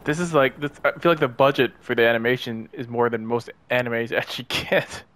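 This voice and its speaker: A man's voice: medium pitch, steady tone, brisk, fairly bright tone, a little hiss or hum. A man giving casual, wry and amused playthrough commentary as a gaming streamer. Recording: game music behind voice.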